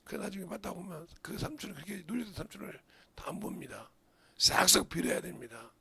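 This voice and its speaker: Middle-aged male pastor, high gravelly voice, impassioned sermon with call-outs to the congregation. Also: lively intonation, fast talker. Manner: impassioned preaching, rising to loud outbursts; asks the congregation questions, interjects "어?".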